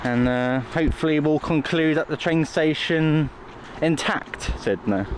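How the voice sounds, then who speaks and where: A YouTuber with a fairly high voice walks through muddy woods, chatting unhurriedly to his handheld camera. His talk is casual but hesitant, often cutting himself off, and the outdoor camera audio is noisy.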